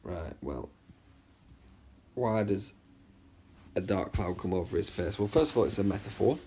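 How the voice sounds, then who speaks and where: A man teaching an exam revision lesson in a chatty way, often checking understanding and reading the extract aloud slowly. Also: low voice, animated, dark tone, a little hiss or hum. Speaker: English literature teacher.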